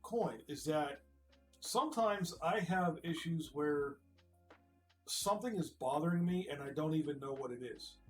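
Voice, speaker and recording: A man with a voice a touch higher than most talks in a loose, rambling way, restarting sentences and slipping into quoted back-and-forth. It is relaxed group chat on a stream, with faint music underneath. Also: a little slow. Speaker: community founder.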